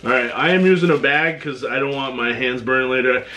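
A man's voice: mid-range voice, fairly quick, bright, forceful tone, slight background noise. A man co-hosting a casual food-challenge vlog, talking in a chatty way full of "like" and laughing between words. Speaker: co-host.

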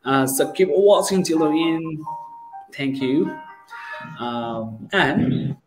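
A young man hosting a live English practice interview over a video call from a room at home, speaking haltingly with many fillers and repeatedly asking viewers to share. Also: a little high, lively intonation, over music, rough recording. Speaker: host and teacher. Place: home room with starry painted wall. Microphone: webcam on video call.

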